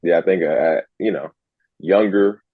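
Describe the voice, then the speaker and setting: Very deep husky man chatting. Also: measured pace, dry recording. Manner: rambling, heavy with "you know what I'm saying". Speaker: podcast guest. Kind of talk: casual podcast chat. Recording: dull, dry lo-fi sound.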